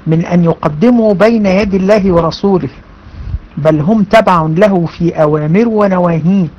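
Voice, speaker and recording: In an online religious class, a woman with an Egyptian Arabic accent stresses her points forcefully, repeats herself, and speaks directly to her students. Her voice is medium in pitch, and the recording quality is low.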